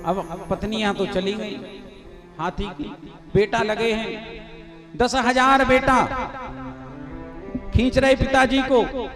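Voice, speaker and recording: A man's voice: high-pitched, fairly even intonation, slow, pauses often, music in the background. A man giving a musical scripture discourse as a religious storyteller, telling the story with feeling and singing verses. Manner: emotive storytelling with sung verses. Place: religious gathering stage.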